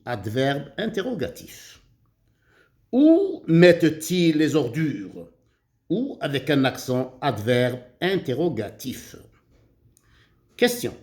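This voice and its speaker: A man with a slightly high, very animated voice teaches grammar to young pupils. He speaks slowly and deliberately, reading each question aloud before patiently explaining it step by step. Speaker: primary school teacher. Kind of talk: slow, deliberate grammar lesson.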